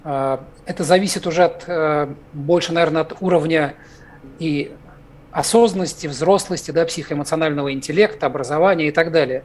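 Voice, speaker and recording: A man with a somewhat high voice gives expert commentary as a clinical psychologist. He talks in a measured, careful way, hedges his points and often pauses with filler sounds. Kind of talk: expert commentary on a talk show.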